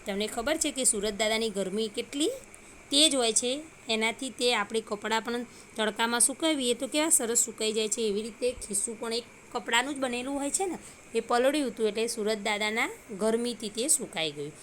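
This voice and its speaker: A woman's voice: fairly high pitch, brisk, a bit bright, a little hiss or hum. Woman reading a story to children. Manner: explains hard words simply. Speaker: teacher.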